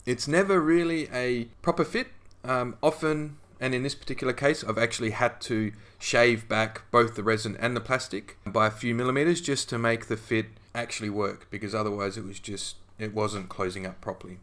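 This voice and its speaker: In this scale modelling voice-over, a man with a mid-range voice talks at a moderate pace with hardly any pauses. He sounds relaxed and conversational, though he says um a lot and frequently restarts his sentences.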